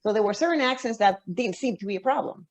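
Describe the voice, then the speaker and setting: A woman's voice: fairly high pitch, lively intonation, quick pace. A woman author, a guest on an interview show, giving long reflective answers full of restarts and fillers.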